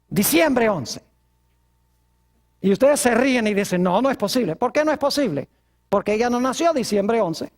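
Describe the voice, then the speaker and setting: A male pastor delivering a sermon in church. His pitch rises and falls widely, and he keeps asking his congregation rhetorical questions, then answering them.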